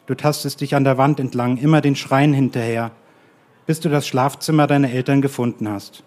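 A man reading his own short story aloud at a live radio event, in a calm and measured way that slows to quiet, drawn-out lines. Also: mid-range voice. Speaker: guest author reading his own text.

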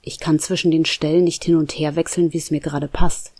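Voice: mid-range voice, flat delivery, brisk, a little mellow, dry recording, close to an everyday voice. A storyteller voicing an unsure young man who doubts his own choices, in a dry, close recording. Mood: doubtful. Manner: hesitant, doubtful.

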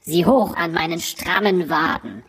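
A woman in a disguised deep voice, voicing an aging, boastful dinosaur who speaks the riddling clues of a quiz. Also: measured pace, a bit bright, slight background noise. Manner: riddling, rhyming clue delivery. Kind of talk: scripted quiz clue recording. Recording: recording with long hall reverb.

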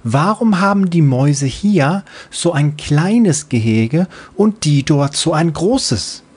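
A woman's voice: low voice, animated, slow pace, a little mellow, husky, voice pushed up, heavily acted. Man doing an eager stammering little girl freebie. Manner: childlike and stammering.

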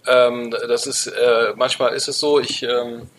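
Clear background noise surrounds a middle-aged man chatting casually as a podcast co-host. His pitch sits in the middle, and he talks in a halting, hesitant way, often reaching for the next word. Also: level tone.

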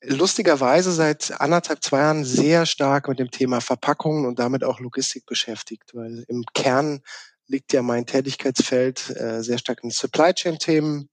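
A man's voice: medium pitch, steady tone, moderate pace, no room sound. A man from southern Baden, a podcast guest explaining his work in a conversational way. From southern Baden, Germany. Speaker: podcast guest, sustainability manager.

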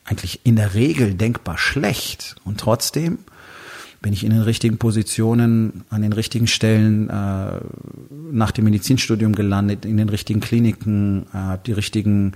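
A man with a husky voice talking to the listener in a casual monologue, blunt and crude, full of fillers, acting out his own inner doubts as quoted asides. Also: lowish voice, fairly even intonation, moderate pace, a little mellow. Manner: blunt and conversational, with crude words and many fillers.

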